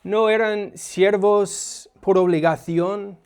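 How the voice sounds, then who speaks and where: A preacher with a high, smooth, resonant voice. He explains his text in a conversational way and often pauses on small hesitations. The delivery is relaxed and teaching rather than forceful. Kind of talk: expository sermon.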